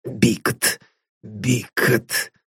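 A man's voice: medium pitch, expressive, slow, a little mellow, husky, no echo, clean studio sound, full character voice. A man voicing a frightened old one-eyed pawnbroker. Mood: fearful muttering. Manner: timid, breathless, muttering.

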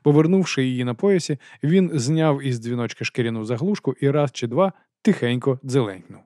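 A man reads a comic fantasy audiobook in a steady, measured way, at an average pitch for a man. The sound is dry and close, with no room around it. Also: no room sound. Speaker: audiobook narrator. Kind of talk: scripted narration.

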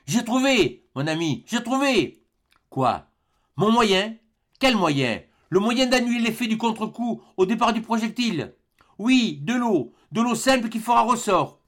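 A man reading a storybook aloud, voicing an excited male inventor who talks in bursts of exclamation. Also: on the high side, slow, pauses often, full character voice.

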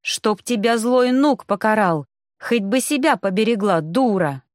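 A woman's voice: mid-range voice, unhurried, no echo, studio quality, natural voice. A woman reading an audiobook, voicing an enraged male general-rector who hisses and roars insults. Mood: furious. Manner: hissing, roaring, scolding. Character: furious male general-rector, trapped in a young witch's body.

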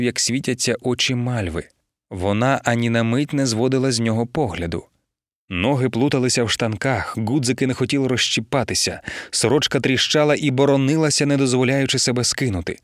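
A man narrating an audiobook in a measured, expressive storytelling manner. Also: medium pitch, no echo, studio quality. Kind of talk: audiobook reading.

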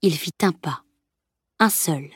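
Woman reading a novel aloud, lowish voice, dramatic, very dry mic. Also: slow pace, breathy edge, no echo. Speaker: audiobook narrator. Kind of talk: scripted audiobook narration.

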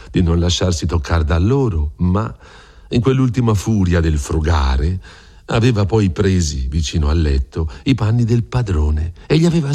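A man narrates a classic novel in a measured, expressive way. His voice sits on the low side with a husky grain. Pacing is deliberate, with dramatic rises. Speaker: audiobook reader.

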